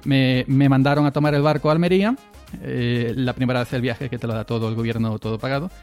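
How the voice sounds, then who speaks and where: A man's voice: medium pitch, fairly even intonation, fast talker, darkish tone, faint music behind. Rambling man telling a story. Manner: rambling, self-correcting storyteller who laughs often. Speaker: podcast host. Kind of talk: casual live-stream chat.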